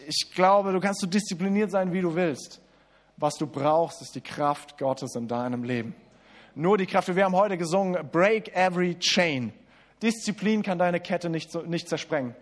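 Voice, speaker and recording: A man preaching a sermon in German. He speaks straight to the listeners, stumbles and restarts often, and switches between quick asides and slow, stressed lines. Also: fairly high pitch. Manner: addresses listeners directly as du, with many restarts and fillers.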